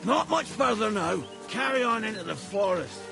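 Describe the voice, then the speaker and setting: A gravelly, hurt woodsman. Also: high-pitched, lively intonation, normal speed, music in the background. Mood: gruff. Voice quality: gravelly, raspy. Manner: blunt, curses, barks orders. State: hurt and short of breath. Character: injured male woodsman, blunt and bossy. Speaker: video game character.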